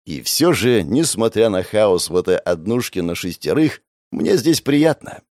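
Expressive male audiobook narrator. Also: fairly low pitch, measured pace, no echo, studio quality. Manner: expressive, wry, voices all the characters. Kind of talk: first-person audiobook narration.

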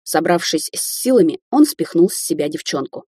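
A woman narrating an audiobook in a measured, expressive way, recorded close and dry. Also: on the low side, breathy edge, no room sound. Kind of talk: scripted narration.

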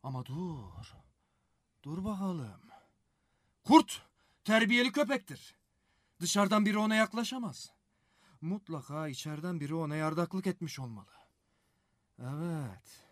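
An actor playing a boastful, suspicious young man in a radio drama, given to shouting bursts. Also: fairly high pitch, animated, moderate pace, pauses often, no echo, studio quality, natural voice. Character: Selim, blustering nationalist young man.

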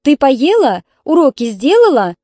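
A woman's voice: sits high, big pitch swings, a little slow, warm tone, no room sound, clean studio sound, voice pushed up. Woman reading as a grumbling strict mother. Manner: complaining, strict. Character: grumpy irritable middle-aged mother, neighbor.

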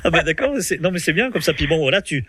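A man's voice: on the high side, expressive, quick pace, sharp tone, slightly rough, no echo. A man hosting a radio interview, talking hesitantly with many restarts and frequent laughter. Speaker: radio host.

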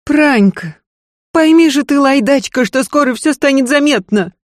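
Brief: high shrill hysterical noblewoman, bitter and volatile, put on by a woman reader, dry close audiobook read. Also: animated, measured pace, no echo. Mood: furious. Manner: shrill, screaming, sobbing outbursts.

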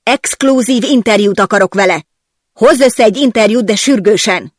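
An audiobook narrator voicing an angry, impatient male newspaper boss who barks commands and yells. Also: medium pitch, no echo, studio quality, pitched above the performer's own voice, lightly acted. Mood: yelling.

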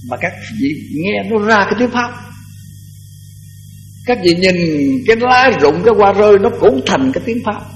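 An older Buddhist monk gives a folksy sermon, often repeating words. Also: male voice, high voice. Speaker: Buddhist monk giving a dharma talk. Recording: echoey hall, dull lo-fi, faint music.

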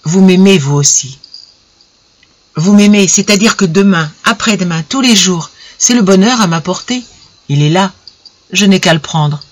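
A man's voice: high-pitched, moderate pace. A reader voicing an earnest young man in love, speaking in a pleading tone.

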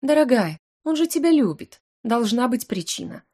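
A woman reading the lines of a patient young elf girl who comforts her friend in a soft, coaxing way, in an audiobook. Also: a little high, sing-song, moderate pace, breathy edge, voice pushed up. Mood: soothing. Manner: gentle, coaxing.

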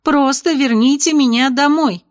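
Anxious grumbling young student read by a woman, slightly high voice, audiobook character. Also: normal speed, close to an everyday voice.

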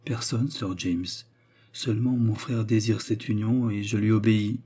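A man voicing a shy, gentle and obedient young woman in a read-aloud classic story, speaking softly and hesitantly. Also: lowish voice, fairly even intonation, moderate pace, husky. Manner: soft, hesitant.

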